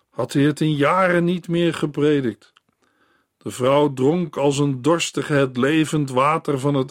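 A man narrating a scripted devotional story in a measured storytelling manner as the host of a Bible series. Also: fairly high pitch, no room sound, clean studio sound.

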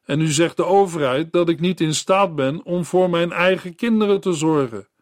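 A man's voice: fairly high pitch, moderate pace, no echo, studio quality, voice pushed up, close to an everyday voice. A man voicing a desperate, grieving widower who has been drinking, asking broken, pleading questions.

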